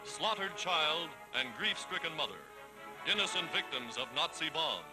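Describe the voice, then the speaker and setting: This is a vintage 1940s newsreel soundtrack of low quality, with loud music playing throughout. An American man with a voice on the high side reads the scripted narration expressively at normal speed, in a formal, declamatory, dramatic manner.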